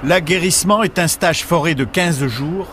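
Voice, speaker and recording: A man's voice: on the high side, moderate pace, a bit bright, a little hiss or hum. A man reading scripted documentary narration as a voice-over.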